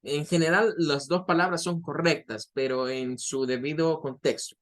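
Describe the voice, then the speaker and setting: Man, Spanish first language, English teacher, patient, repeats key points, spells out words slowly. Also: a little high, steady tone, fairly bright tone. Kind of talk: online grammar lesson.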